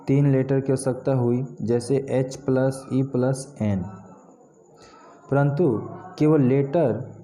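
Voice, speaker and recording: A man teaching a basic grammar lesson, slowly spelling words out letter by letter. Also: mid-range voice, mellow, slight background noise.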